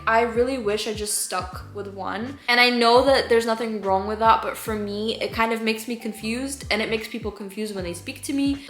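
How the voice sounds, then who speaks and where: A young woman vlogging casually to camera about learning languages, chatty and animated, full of "like" fillers. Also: on the high side. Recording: echoey room.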